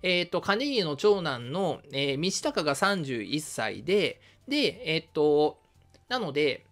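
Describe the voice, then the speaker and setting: A man's voice: sing-song, takes it slowly, fairly bright tone. Male live-stream host, casual and chatty, lots of "um"s, lightish voice. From Shizuoka, Japan. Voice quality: fairly high voice for a man. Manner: casual, many fillers, friendly and chatty. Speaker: history channel host. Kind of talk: live-stream chat reading viewer comments.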